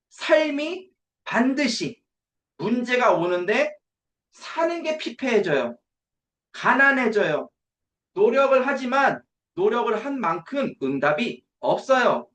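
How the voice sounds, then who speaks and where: A man's voice: extremely high pitch, fairly bright tone, echoey room. A man preaching a sermon at an evangelism school, emphatic, posing rhetorical questions and answering them himself.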